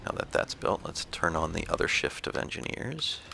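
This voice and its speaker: A man giving relaxed, explanatory commentary on his own gameplay, thinking aloud as he plays. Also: sits low, moderate pace, creaky, a little hiss or hum.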